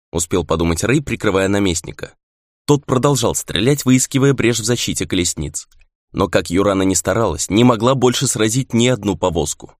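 A man reading a fantasy novel aloud in a lively narration style. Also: on the low side, no room sound, studio quality. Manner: lively reading, raises voice for shouted lines. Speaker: audiobook narrator. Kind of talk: scripted narration.

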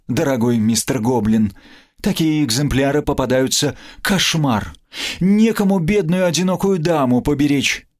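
A man's voice: fairly high pitch, pitched above the performer's own voice. Flirty purring tavern lady, done by a guy reading, lilting and sugary. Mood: coquettish. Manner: sweet purring coquettish. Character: flirtatious lonely woman innkeeper, sugary.

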